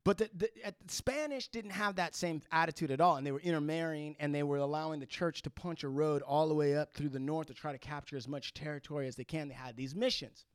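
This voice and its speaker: A man's voice: on the high side, fast, hardly any pauses, smooth, no room sound, studio quality. A man talking in a casual, opinionated way, explaining like an emphatic storyteller in everyday slangy language. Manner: emphatic storytelling with casual swearing and checking "right?". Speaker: podcast co-host explaining history.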